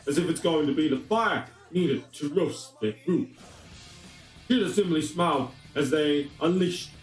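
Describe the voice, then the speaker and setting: A man reading a fan fiction story aloud with expressive storytelling. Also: on the high side. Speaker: narrator. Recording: roomy distant voice, faint music.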